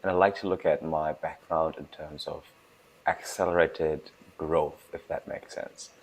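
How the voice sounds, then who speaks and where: Young founder, very deep voice, brisk and emphatic interview guest. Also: male voice, steady tone, poor audio. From Germany. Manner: fast-talking, restarts words, emphatic. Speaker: guest, food startup founder. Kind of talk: casual interview answers.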